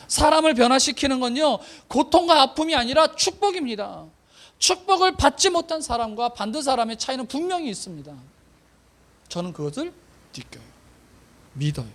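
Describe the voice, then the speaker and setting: Pastor guy preaching, voice sits way high and swings all over, keeps repeating stuff to hammer it home. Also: a bit bright. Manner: emphatic, repeats phrases for weight; addresses the congregation directly with questions. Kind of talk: sermon.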